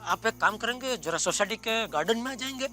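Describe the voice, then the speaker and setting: An actor playing an anxious middle-aged businessman in a TV sitcom, excitable and flustered, always pleading or hushing. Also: high voice, a little fast, soft background music, heavily acted. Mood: nervous. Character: jumpy, anxious middle-aged shopkeeper, comically secretive. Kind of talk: TV sitcom acting.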